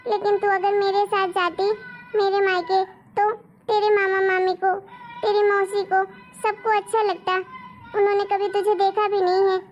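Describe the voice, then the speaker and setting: A woman voicing a gentle, patient mother who softly coaxes her family in a cartoon story. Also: extremely high pitch, muffled recording, a little hiss or hum. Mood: coaxing. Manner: soft, coaxing, patient. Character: gentle pleading middle-aged Indian mother. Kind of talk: cartoon voice acting.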